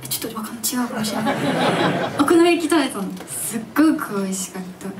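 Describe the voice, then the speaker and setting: A young woman in her twenties, a singer chatting with her audience at her own live show, animated and giggly as she tells stories. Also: fairly high pitch, quick pace. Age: 20s. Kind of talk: casual stage MC chat with the audience. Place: live music venue stage. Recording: distant mic in a live club, faint background noise.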